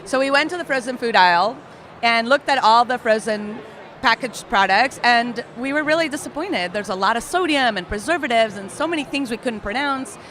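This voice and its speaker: A woman's voice: on the high side, lively intonation, normal speed, a bit bright. A woman in her thirties from Costa Rica, a company co-founder, explaining things in a friendly way as an interview guest. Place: outdoor festival booth.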